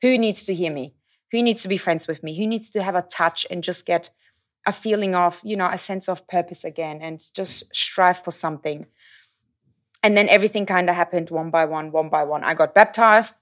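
A woman's voice: fairly low pitch, moderate pace. German-accented woman telling a story. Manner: lively, self-correcting, searches for English words. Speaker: podcast guest. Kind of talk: casual storytelling chat.

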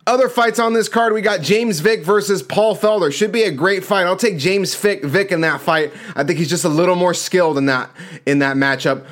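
A sports show host with a somewhat high-pitched, fairly bright voice offers casual commentary at a moderate pace. He talks through his fight picks conversationally, hitting key words hard and using plenty of slang.

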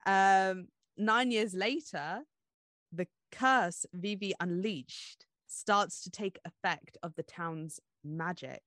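Chatting casually about books as a podcast co-host, this woman takes her time, her mid-range voice fairly bright. Her audio is clean and studio-made, free of echo.

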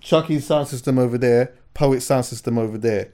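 A man with a medium-pitched, mellow voice hosts a podcast at a normal speed. He has a London English accent and a conversational, slang-heavy style, regularly tagging phrases with "yeah" and "you know."

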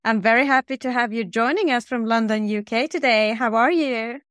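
A woman's voice: a little high, moderate pace, fairly bright tone, no echo, studio quality. A woman hosting a podcast, formally reading out prepared questions. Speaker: podcast host.

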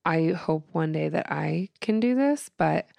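A woman's voice: deep voice, animated, measured pace, creaky, darkish tone, no room sound. A woman guest on a podcast, reading from her journal and talking in an earnest, emotional way with many fillers.

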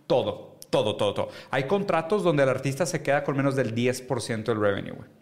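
A young man speaks with a Mexican Spanish accent at a middling pitch. He tells stories in a loose, slangy podcast chat that keeps building momentum. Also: fast talker. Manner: casual, slangy, animated storytelling.

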